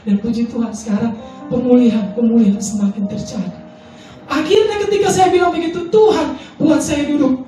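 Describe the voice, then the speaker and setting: A woman's voice: high voice, a little mellow, recorded from a distance. A woman pastor preaching a sermon, telling a personal testimony with pleading, sometimes sing-song prayers. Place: large church hall. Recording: echoey church hall from afar, faint music.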